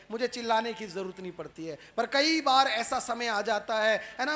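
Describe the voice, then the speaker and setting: Guy preaching, high voice, keeps asking the crowd "right?" over and over, goes loud then soft. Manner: peppers every point with rhetorical "right?" tag questions; asks the crowd question after question, then swings between loud calls and quiet asides. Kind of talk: sermon to a live congregation.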